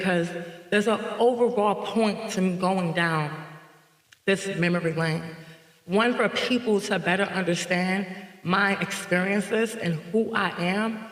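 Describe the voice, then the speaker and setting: Woman, podcast host, reflective monologue, unhurried emphatic delivery, roomy reverberant sound. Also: medium pitch. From North Carolina. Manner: slow, deliberate, emphatic repetition. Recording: echoey reverberant room.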